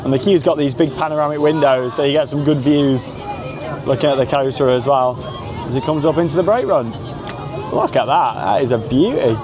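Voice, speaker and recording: Amid crowd noise at an outdoor theme park, a man who vlogs and hosts chats casually to the camera as he walks. His mid-range voice moves fairly quickly through an enthusiastic, meandering commentary.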